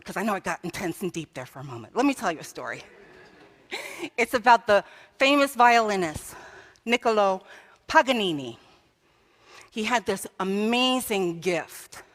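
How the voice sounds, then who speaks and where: In a church with long hall reverb, a woman minister preaches a sermon, telling a story with rhetorical questions that builds to emphatic peaks. Her voice is medium-pitched and fairly bright.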